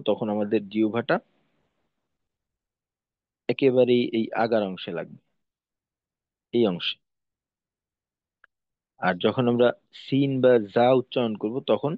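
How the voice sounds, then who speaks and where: A man's voice: mid-range voice, dry recording, highs cut off. A man teaching the pronunciation of Arabic letters in a lesson, patiently repeating his points and demonstrating each sound. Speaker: Quran recitation teacher.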